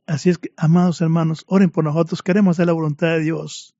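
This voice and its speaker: A man's voice: fairly high pitch, flat delivery, quick pace, dark tone, no echo. A man preaching a fervent sermon to his congregation, addressing them again and again as brothers, in a dull lo-fi recording.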